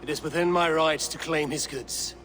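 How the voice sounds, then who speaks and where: A man's voice: fairly high pitch, steady tone, moderate pace, a bit bright, close to an everyday voice. A man playing a bold, stubborn Viking warrior in a video game, speaking in blunt, assertive phrases. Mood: insistent. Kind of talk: dramatic video game dialogue.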